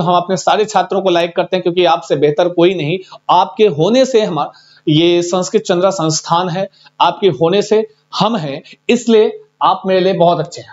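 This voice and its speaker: A man teaching a live online exam-prep class, chatty and teasing, reading out students' answers. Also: sits high. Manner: chatty, teasing, reads students' chat aloud. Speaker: Sanskrit teacher. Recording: dull lo-fi stream audio.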